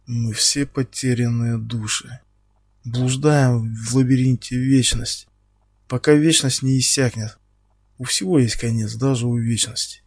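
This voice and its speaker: A man voicing a menacing male captor who speaks slowly and quietly, taunting his victim. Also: medium pitch, steady tone, breathy edge, no echo, studio quality. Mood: quiet menace. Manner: slow, quiet, taunting, bursts into shouting.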